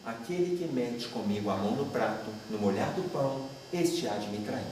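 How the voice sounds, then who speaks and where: A man voicing Jesus as a calm, grave teacher in a lecture retelling, his voice dropped low and hushed. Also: moderate pace, slight background noise, close to an everyday voice. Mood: solemn. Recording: echoey hall, distant mic.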